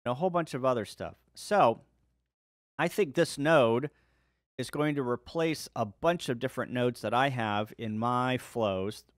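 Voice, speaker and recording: Male tech hobbyist host, mid pitch, relaxed tutorial narration over a screen recording, dead-dry sound. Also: a little slow, no echo. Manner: relaxed step-by-step walkthrough. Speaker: ham radio video host. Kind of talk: screen-share software tutorial.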